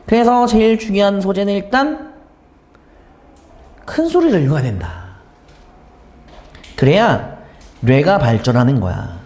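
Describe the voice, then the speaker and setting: A man with a fairly high voice explains an English exam passage to students. His pitch climbs and drops over a wide range as he asks questions and answers them himself. The room around him sounds echoey. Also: very animated, a little slow, pauses often, a little mellow. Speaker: English teacher.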